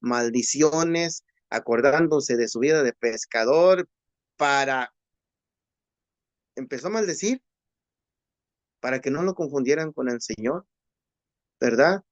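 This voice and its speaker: A man's voice: medium pitch, slow pace, pauses often, no room sound. A man preaching to a youth group, retelling the story with acted dialogue and often asking the listeners to agree. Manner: storytelling, acts out dialogue, asks listeners "¿verdad?". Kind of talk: sermon. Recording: dull lo-fi, dry.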